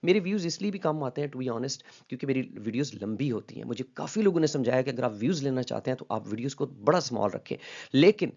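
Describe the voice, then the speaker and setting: Male lecturer, mid-pitched, patient and repetitive, lo-fi audio. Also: animated, fast talker, creaky, a little mellow. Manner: patient, repeats key terms, checks in with "ठीक है?"; mixes English terms into Hindi-Urdu speech. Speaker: linguistics lecturer. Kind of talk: explanatory lecture. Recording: slightly dull lo-fi audio.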